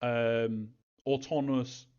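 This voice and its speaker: Clear and resonant, this man's mid-range voice is steady, slow, and a little mellow, heard in dull, lo-fi audio. A game developer, he reads fan questions aloud and answers casually, hesitating, chuckling, and evading story details.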